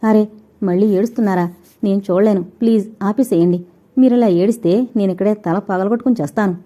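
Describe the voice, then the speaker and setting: A woman's voice: medium pitch, brisk, dark tone, close to an everyday voice. A woman voicing an earnest pleading young man. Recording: dull lo-fi recording.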